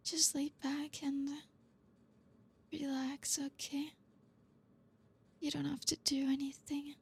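High, slow-whispering woman. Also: little pitch movement, vocal fry. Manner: soft unvoiced whispering, slow and soothing; reassuring, coaxing tone with frequent hums. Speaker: ASMR roleplay performer. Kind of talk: whispered intimate ASMR roleplay.

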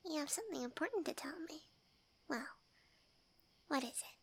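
A woman in a romance roleplay, talking softly in a shy, gentle, affectionate way and often dropping to a whisper. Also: sits high, expressive, normal speed, vocal fry.

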